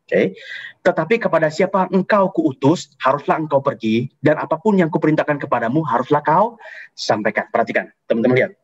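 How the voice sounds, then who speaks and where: Man, youth preacher, raised pitch, husky, casual sermon style, muffled stream audio. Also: brisk. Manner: lively, conversational, repeats key points. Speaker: youth pastor. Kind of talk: online sermon.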